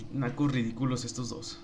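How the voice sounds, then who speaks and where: A young Mexican-accented man streams casually, laughing and joking as he reads his chat out loud. His voice is mid-range and a bit mellow, with slight background noise behind it.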